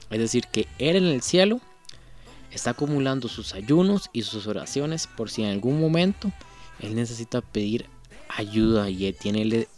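Over soft background music, a man from Costa Rica speaks at a normal pace in a mid-range, darkish voice with lively intonation and a Costa Rican Spanish accent. Hosting a reaction video, he reads lyrics and reflects on them in an earnest, casual way, frequently starting his thoughts over.

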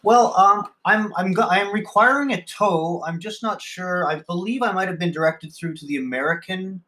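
A man's voice: high-pitched, moderate pace, pushed and bright. A man from Canada chatting casually and wryly as a caller. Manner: chatty, wry. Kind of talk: casual chat.

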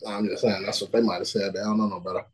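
Fast-talking joking man. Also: fairly low pitch, flat delivery. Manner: joking interjections, crude banter. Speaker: podcast co-host. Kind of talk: casual chat.

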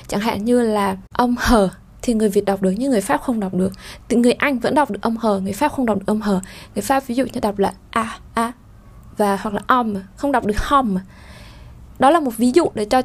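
Woman teacher, higher pitch, patient explanatory lesson delivery. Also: darkish tone. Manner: explanatory, many fillers, demonstrates vowel sounds. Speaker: French pronunciation teacher. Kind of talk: spoken lesson.

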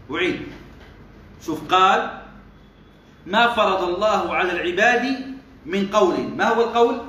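A man's voice: high voice, bright, forceful tone, a little hiss or hum. A male religious teacher giving commentary on a classical text, explaining step by step, quizzing his students, and slipping dialect asides into formal speech. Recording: very echoey room.

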